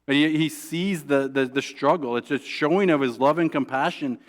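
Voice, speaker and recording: A male pastor preaching a sermon in a conversational way, often asking "right?" and restarting his sentences. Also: a little high. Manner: acts out quoted prayers in a soft, hushed voice; halting restarts and repeated words.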